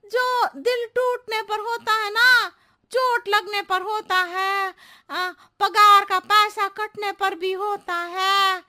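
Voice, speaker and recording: Woman voicing Jalebi Bai, squeaky cheeky maid. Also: level tone, slow pace, sharp tone, heavily acted. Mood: riddling. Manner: roundabout, wheedling talk in riddles. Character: scatterbrained, cheeky young housemaid woman. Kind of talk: Hindi cartoon voice acting.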